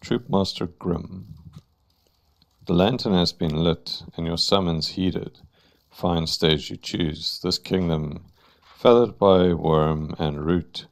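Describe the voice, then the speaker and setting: A man's voice: low voice, fairly even intonation, slow, vocal fry, exaggerated voice. A man reading the lines of a sinister troupe master in a stately, theatrical way. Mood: grandiose.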